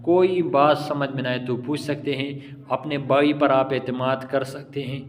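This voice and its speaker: A man teaching tajweed pronunciation in a patient, encouraging lesson, repeating letters slowly and drawn out. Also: medium pitch, steady tone, big-room sound. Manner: affectionate, encouraging. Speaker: Quran recitation teacher.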